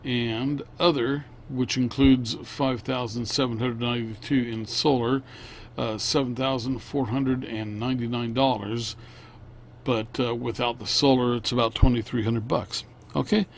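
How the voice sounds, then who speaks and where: A man narrating a casual vlog, unscripted, in a halting, plain-spoken way. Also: mid-range voice, steady tone, slight background noise. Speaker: vlogger.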